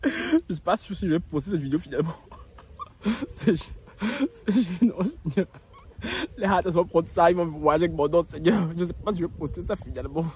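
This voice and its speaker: Young Ivorian vlogger, animated storyteller, lively pitch, slightly high. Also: male voice, a little fast. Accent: Ivorian French. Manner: animated, laughing, self-mocking. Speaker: gossip vlogger. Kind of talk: storytime confession.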